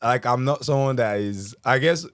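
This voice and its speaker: A man's voice: medium pitch, moderate pace, no room sound, clean studio sound. A man with a South London accent talking casually and slangily as a musician being interviewed. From South London, England. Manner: slangy, often addressing listener as bro. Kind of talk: casual chat.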